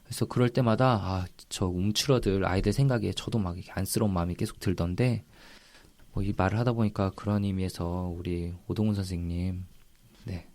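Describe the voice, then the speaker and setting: A man's voice: sits low, fairly quick. A man co-hosting a podcast, telling chatty anecdotes in casual talk. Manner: chatty storyteller, lively anecdotes. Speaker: podcast co-host.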